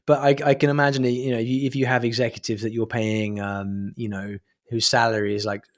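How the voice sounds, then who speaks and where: A man with a mid-range voice and little pitch movement talks briskly as a podcast guest who runs an online business. In a casual interview, he's thoughtful and wordy, circling back as he explains things.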